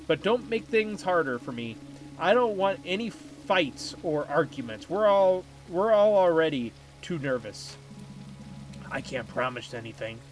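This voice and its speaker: A man voicing a flirtatious, carefree husband, reading game dialogue aloud in a teasing way. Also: fairly high pitch.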